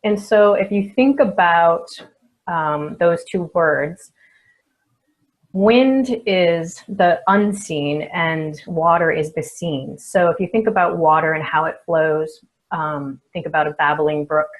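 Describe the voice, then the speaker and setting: In a rough recording, a woman with a lowish voice, who works as a feng shui expert and coach, responds to interview questions reflectively and without hurry, sprinkling in plenty of soft fillers.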